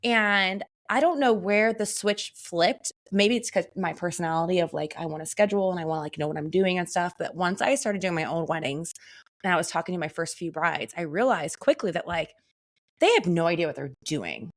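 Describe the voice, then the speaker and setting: A wedding photographer co-hosts a podcast, chatting casually and telling stories in a loud, animated way. Her voice is on the low side and her pace is brisk.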